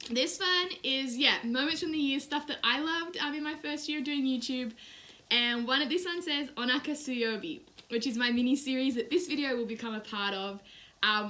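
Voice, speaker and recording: A young woman with a bright, sharp tone and a somewhat high voice, chatting casually through a live stream. She snacks as she talks, sometimes with her mouth full, and keeps up a friendly, rambling flow. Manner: chatty, eats snacks while talking. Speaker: YouTuber and English teacher in Japan.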